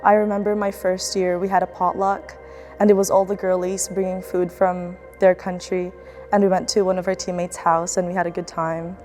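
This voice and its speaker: A woman's voice: lowish voice, level tone, normal speed, darkish tone, faint music behind. A young woman student athlete from the Philippines, speaking in a casual, reflective documentary interview with fillers and restarts. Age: young adult.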